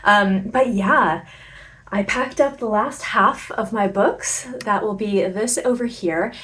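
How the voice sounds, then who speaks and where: A woman's voice: mid-range voice, slow pace, a bit bright. A tired woman chatting casually and wryly to camera as a book vlogger, her voice echoing in the room. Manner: chatty, informal, wry. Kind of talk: casual bookish chat to camera. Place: echoey room at home during packing. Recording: echoey room.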